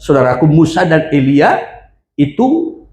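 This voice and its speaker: A male pastor preaching a sermon, explaining scripture with call-and-response and rising to emphatic shouts. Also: a little high, very animated, unhurried, reverberant. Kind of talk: sermon with congregation reading verses.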